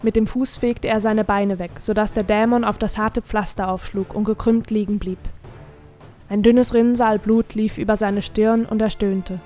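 A woman's voice: medium pitch, steady tone, moderate pace, dark tone, soft background music. Woman narrating a fantasy audiobook. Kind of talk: scripted narration.

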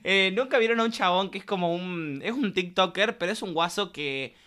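A woman's voice: on the low side, normal speed. A young woman with an Argentine accent chatting casually with friends, telling stories and acting out what people said. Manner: animated storyteller, acts out quotes. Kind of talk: casual chat among friends.

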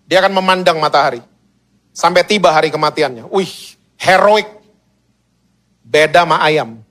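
A man's voice: on the high side, brisk, a bit bright. A male pastor preaching a sermon as humorous, slangy storytelling.

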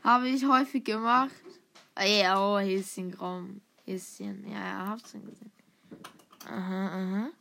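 A young woman streaming a mobile game, commenting live on the play and bursting into shouts and laughter at close moments. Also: mid-range voice, slight background noise. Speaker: gaming streamer. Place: home room with vacuum cleaner in background.

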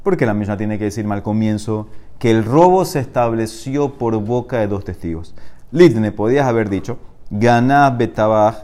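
Guy giving a talmud class, reads the text then breaks it down, gets loud and emphatic arguing a point. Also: moderate pace. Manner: reads Aramaic text aloud, then explains it in Spanish; emphatic, rising to a louder higher voice when arguing a point. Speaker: Talmud teacher.

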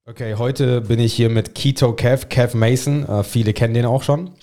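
A man's voice: mid-range voice, fairly even intonation, normal speed, warm tone. A man with as his hosting a podcast, bantering crudely, swearing and cutting in with jokes. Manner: joking, interrupting, swears freely. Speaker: podcast host.

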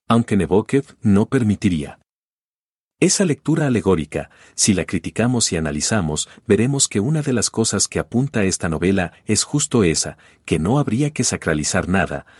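A man reading a scripted literary essay in a measured, even way. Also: fairly low pitch, slightly rough, dry recording, clean studio sound. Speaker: guest contributor.

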